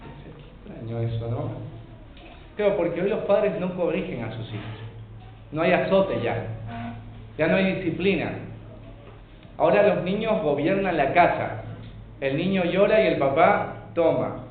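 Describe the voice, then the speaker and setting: A man preaching a sermon as pastor, emphatic, with rhetorical questions, swinging between loud and hushed. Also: a little high, lively intonation, measured pace, pauses often, a little hiss or hum. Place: church hall. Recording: echoey church over a tinny lo-fi line.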